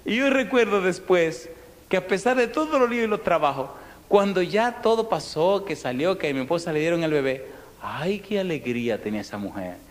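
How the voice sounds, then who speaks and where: A man preaching a storytelling sermon to a congregation, animated, acting out the people in his story and dropping to a near whisper for his closing appeal. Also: high voice, a little fast. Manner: animated, acts out dialogue, drops to near whisper. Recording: echoey hall, faint background noise.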